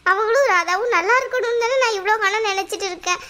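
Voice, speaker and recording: A kind young cartoon sister-in-law who calmly reasons and reassures, as a woman voices her. The voice is very high and bright. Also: fast talker. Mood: reasoning. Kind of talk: cartoon voice acting.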